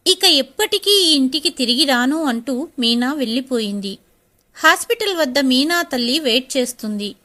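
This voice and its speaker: A woman narrating a scripted audio story in a steady, clear way. Her voice is high and bright, with a sharp, forward tone. She keeps an even storytelling pace.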